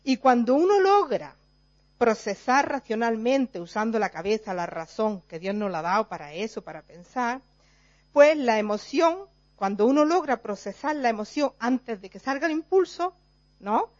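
A woman's voice: on the high side, very animated, moderate pace, a little mellow, dry recording. A woman teaches a group informally. She explains step by step, checks in with "right?" after nearly every phrase, and acts out everyday examples. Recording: dull, dry, lo-fi recording.

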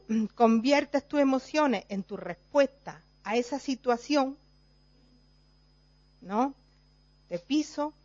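A woman's voice: fairly high pitch, darkish tone, no echo. A woman teaches a group informally. She explains step by step, checks in with "right?" after nearly every phrase, and acts out everyday examples. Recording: dull, dry, lo-fi recording.

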